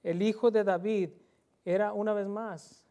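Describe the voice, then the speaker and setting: High-voiced earnest male preacher. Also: fairly even intonation, unhurried, dark tone. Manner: earnest, emphatic preaching with repeated phrases; asks the listeners direct questions. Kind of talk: sermon.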